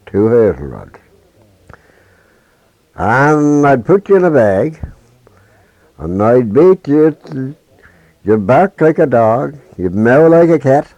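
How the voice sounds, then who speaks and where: A man's voice: mid-range voice, warm tone, no room sound. A man voicing cunning young heroine Peg. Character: clever young woman Peg, bold and cunning. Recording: dull lo-fi recording.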